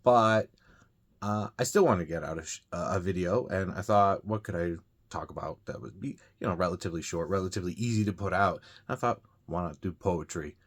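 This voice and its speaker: A man's voice: deep voice, a little fast. A man casually explaining poetry terms to viewers, talking off the cuff with frequent fillers and restarts. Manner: loose and unscripted, frequent uh and you know, restarts. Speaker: host of a reading channel.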